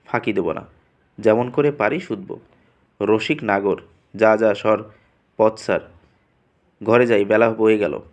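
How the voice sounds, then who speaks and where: A man's voice: fairly low pitch, takes it slowly, long pauses. A man voicing an arrogant village priest who mocks and scolds in a storybook reading. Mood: mocking. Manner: sneering, scolding.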